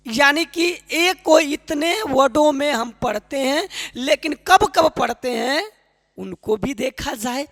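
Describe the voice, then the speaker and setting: A woman's voice: sits high, lively intonation, slow, a bit bright. A woman teaching a spoken English class, explaining pronunciation rules and quizzing her listeners again and again with friendly encouragement. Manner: keeps quizzing listeners with repeated questions; affectionate, encouraging teacher talk. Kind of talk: online class lecture. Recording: long hall reverb.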